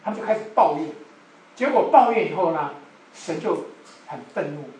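Animated woman preacher giving a sermon. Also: sits low, moderate pace. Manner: animated, asks the audience rhetorical questions. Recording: echoey room, voice from far off.

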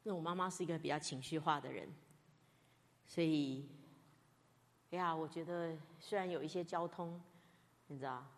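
A woman's voice: deep voice, normal speed, pauses often. A woman pastor preaching a sermon, telling candid, self-mocking stories from her own life. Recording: long reverb, as in a hall.

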